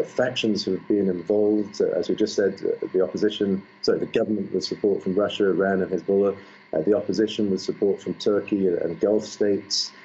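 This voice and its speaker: A deep, mellow-voiced man reporting live as a news correspondent, coming through a muffled, low-quality stream link. A faint hiss sits under his voice, and he talks haltingly with many fillers and restarts. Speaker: foreign correspondent. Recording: muffled lo-fi line with faint noise.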